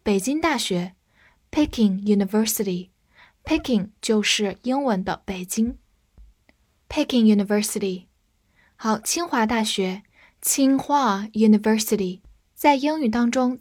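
A woman from China, a native Chinese speaker, teaching English vocabulary with clear, patient explanations and careful spelling. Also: fairly high pitch, darkish tone, no room sound, studio quality. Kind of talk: vocabulary lesson.

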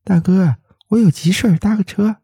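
A man voicing a calm, mysterious young woman of about twenty-five in a spoken ghost story, light and lilting. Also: medium pitch, moderate pace, slightly rough, dry recording, studio quality, voice pushed up, close to an everyday voice. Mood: breezy.

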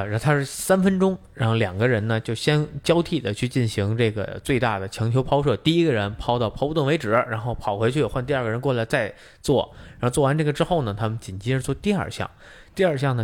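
A man co-hosting a podcast, explaining things at length in casual chat, with many fillers. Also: mid-range voice. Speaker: podcast co-host.

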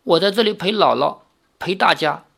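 A grieving young girl, as a male narrator puts her on, plaintive and near tears. Her voice sits higher and rises and falls a lot. An audiobook story. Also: lively intonation, normal speed, creaky, fairly bright tone, exaggerated voice. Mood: stubborn grief.

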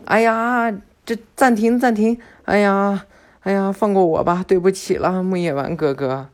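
A man voicing a cheeky, reckless young ninja boy in a loud, high-pitched yell. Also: steady tone, normal speed, natural voice. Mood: pleading.

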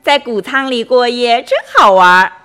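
A woman voicing two eager, curious little girls in a storybook, asking in a high voice. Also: normal speed, bright, forceful tone, clean tone. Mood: excited.

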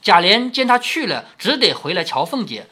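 A man's voice: high-pitched, very animated, moderate pace, pushed and bright. A man reading a classic novel aloud and breaking off to explain it in a chatty way, often asking rhetorical questions. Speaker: storyteller reading a classic novel to his daughter. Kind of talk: storytelling with commentary.

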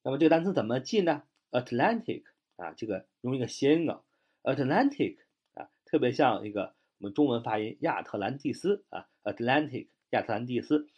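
A man teaching English vocabulary in a lesson. He spells words out letter by letter, slows down for the English examples and fills his talk with a drawn-out "ah". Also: mid-range voice, expressive, a little mellow, slightly rough. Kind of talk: explanatory lesson.

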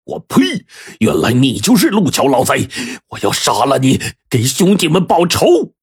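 A man voicing a burly frontier soldier who shouts furious accusations in a husky, raised voice. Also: mid-range voice, very animated, moderate pace, pitched above the performer's own voice, full character voice. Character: angry burly male soldier seeking revenge.

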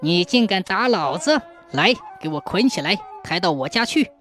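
Narrator doing sneering villain overseer, swooping pitch, faint music behind. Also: lively intonation, normal speed, fairly bright tone, lightly acted. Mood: angry. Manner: smirking, taunting. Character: leering lecherous male overseer, bullying villain.

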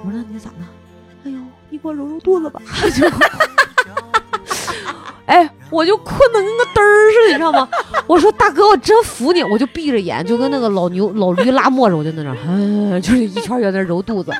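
A woman chats on a podcast, her voice high and swinging widely in pitch. She rushes through stories, laughing and acting out every quote. She is still getting over a cold, and faint music plays underneath. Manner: animated storyteller, laughs often, acts out quotes. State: recovering from a cold. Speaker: podcast co-host. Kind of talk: casual chat.

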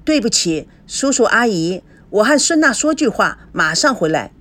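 A woman's voice: mid-range voice, big pitch swings, normal speed, a bit bright, pitched above the performer's own voice. A woman voicing a desperate young husband who pleads urgently. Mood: pleading.

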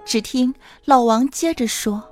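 A woman hosting a comic podcast, telling jokes and teasing her audience in a playful, animated way. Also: on the high side, a little slow, no echo. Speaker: podcast host. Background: background music.

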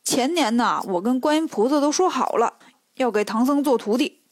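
A greedy, always-hungry pig disciple who moans and pleads in a storybook tale, read by a woman. Her voice stays high and dry, with no room sound. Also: expressive, normal speed, no room sound. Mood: whiny. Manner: whiny, pleading.

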